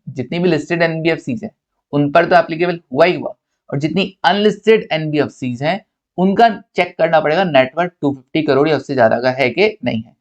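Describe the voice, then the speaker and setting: A man's voice: a little high, muffled recording. A man from India giving a recorded accountancy lecture, teasing his students playfully and asking and answering his own questions.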